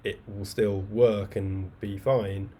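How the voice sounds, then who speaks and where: Low-voiced man teaching code on a video call. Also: takes it slowly, husky. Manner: relaxed, chatty explaining with asides and fillers. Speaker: coding bootcamp instructor. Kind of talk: live online coding lecture. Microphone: webcam video call mic. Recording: faint background noise.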